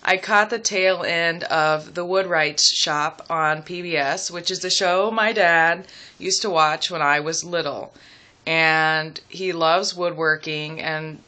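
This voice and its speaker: A young adult woman chatting casually and personally to the camera at home, hesitant and reflective, pausing as she thinks aloud. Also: sits low, fairly even intonation, sharp tone. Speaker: vlogger. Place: small room at home, seated indoors.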